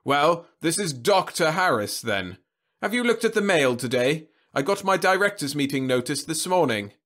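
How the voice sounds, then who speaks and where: A man's voice: fairly high pitch, animated, moderate pace, a bit bright, pitched above the performer's own voice. A man doing a sardonic old doctor. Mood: urgent. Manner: savage, sarcastic.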